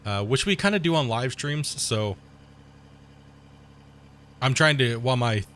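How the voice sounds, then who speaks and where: Though ill and losing his voice, this gaming channel host offers loose, rambling commentary on his gameplay at a measured pace in a mid-range voice. He explains terms along the way and breaks into excited outbursts when things go wrong.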